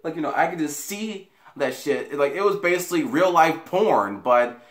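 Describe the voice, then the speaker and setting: Expressive and fairly bright, this young American man's voice runs on the high side as he tells a wandering, profane story to camera at a moderate pace, repeating himself along the way. He's indoors in a small bedroom, the camera mic a few feet off, with echo in the room.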